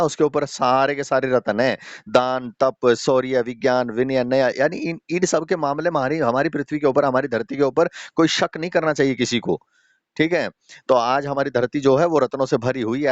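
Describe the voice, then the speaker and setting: A man's voice: medium pitch, no room sound, lo-fi sound. Man teaching a Sanskrit lesson online. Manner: explains slowly, often checks in with "ठीक है"; addresses students directly, asks questions.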